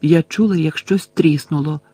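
A man reading aloud, voicing a calm, dreamy teenage witch who speaks softly and slowly. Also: fairly high pitch, breathy edge, no echo.

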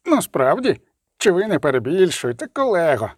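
A man's voice: high-pitched, big pitch swings, normal speed, slightly rough, dry recording, studio quality, heavily acted. A man playing an old, curious zoology lecturer.

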